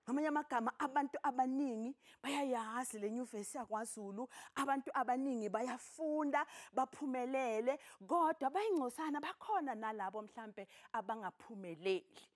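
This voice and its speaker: A middle-aged South African woman teaching a poetry lesson, speaking in an emphatic, expressive, declamatory way. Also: high-pitched, a little fast, few pauses. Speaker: television teacher. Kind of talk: poetry lesson, reading and explaining. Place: television studio, indoors.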